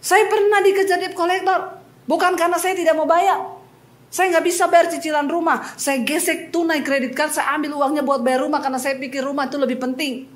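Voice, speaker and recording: Woman pastor with a high voice, preaching at a church service, lively storyteller with a humorous touch. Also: a little fast. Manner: lively personal storytelling with humor, addressing the congregation directly. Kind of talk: sermon. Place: church service before a congregation.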